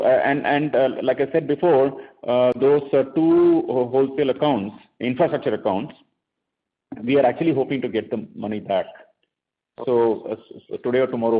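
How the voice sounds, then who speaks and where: A man with an Indian accent, a bank executive explaining figures conversationally on a conference call, often rephrasing as he goes. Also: medium pitch. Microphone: phone conference line. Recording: thin phone-line conference audio.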